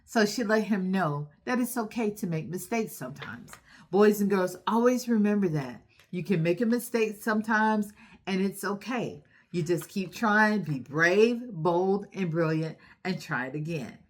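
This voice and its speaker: At a storytime for young children, a woman with a medium-pitched voice recaps the story at an unhurried pace. She is encouraging and instructive, asking her young listeners questions.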